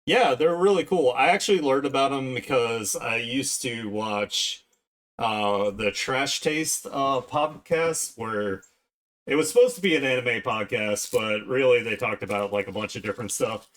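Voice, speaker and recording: An art streamer with a medium-pitched, slightly bright voice drifts through casual chat with his viewers at an unhurried pace, rambling as he draws on the livestream.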